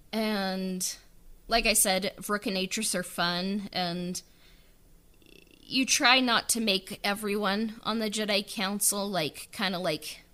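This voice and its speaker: A woman with a medium-pitched, sharp-toned voice chats casually in an interview. She wrote and produced an audio drama, and she rambles with plenty of filler words.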